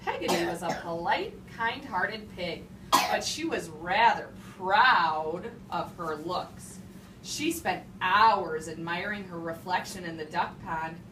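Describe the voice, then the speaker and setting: A woman teacher with a lowish, fairly bright voice reads slowly to young children and gives them instructions, repeating simple phrases and emphasizing key words. The sound is echoey and noisy, captured by a far microphone, with young children talking and general room noise.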